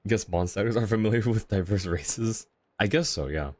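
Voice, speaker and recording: He jokes with viewers and remarks casually on the game he is livestreaming, his lowish voice a little mellow and his delivery halting and self-interrupting.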